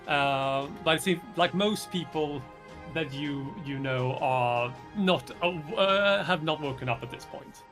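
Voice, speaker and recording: Halting, higher-voiced man running a tabletop game. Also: fairly bright tone, faint music behind. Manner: halting, hesitant delivery with searching for words. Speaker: game master. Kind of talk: improvised tabletop game narration.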